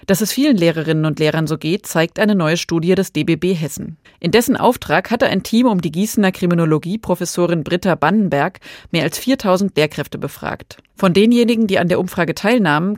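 A woman reporter reading a scripted radio feature in a measured way. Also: fairly low pitch, no room sound, clean studio sound.

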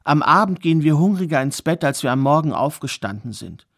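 A man's voice: fairly high pitch, animated, brisk, a bit bright, no echo, studio quality. Man voicing a despairing poor mother.

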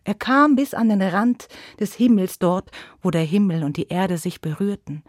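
A woman telling a fairy tale for young children, expressive and sometimes dropping to a whisper. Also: mid-range voice, moderate pace, no room sound, clean studio sound. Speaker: storyteller.

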